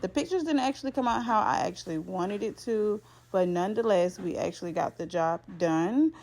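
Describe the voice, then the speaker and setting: A woman's voice: mid-range voice, expressive, brisk, vocal fry, darkish tone. A woman narrating a casual family vlog, chatting directly to her viewers as a mother and vlogger. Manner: addresses viewers as "you guys" and "y'all".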